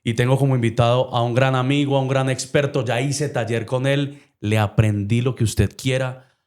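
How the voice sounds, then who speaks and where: Podcast host, male, Medellín Colombian accent, enthusiastic and friendly, mid-pitched. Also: fairly even intonation, moderate pace, darkish tone. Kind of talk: casual interview chat.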